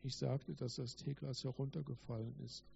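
A man's voice: mid-range voice, flat delivery, moderate pace, vocal fry, dark tone, highs cut off, a little hiss or hum. A man reading the lines of an ashamed, tearful eight-year-old boy in a story. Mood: pleading.

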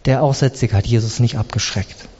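A man preaching a sermon, emphatic, with his pitch swinging from high to low. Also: brisk, dark tone, a little hiss or hum. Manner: emphatic, rises and drops sharply in pitch. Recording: reverberant hall, dull sound.

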